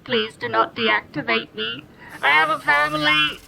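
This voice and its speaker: A woman's voice: sits high, moderate pace, creaky, echoey room, crowd noise, low-quality recording. A woman voicing a timid robot guard who pleads and apologizes, at a live tabletop game show. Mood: pleading. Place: live stage at a gaming convention.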